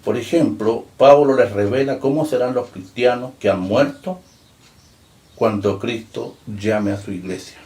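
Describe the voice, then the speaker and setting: A man preaching a sermon as pastor. He reads scripture aloud with emphasis, slowing down and lifting his voice on key words. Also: fairly low pitch, darkish tone. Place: church. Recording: echoey room.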